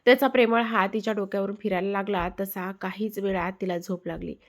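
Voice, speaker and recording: A woman narrating an emotional family story in a soft, unhurried reading with small hesitations. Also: medium pitch.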